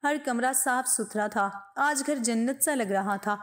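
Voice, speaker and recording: A woman tells a scripted story in a calm, even manner. Her voice sits fairly high. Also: measured pace.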